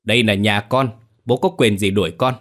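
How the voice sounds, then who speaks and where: A man's voice: on the low side, normal speed, fairly bright tone, close to an everyday voice. A man voicing a young wife who is wronged, defiant and desperate, in a told story. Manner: pleading, then bitter.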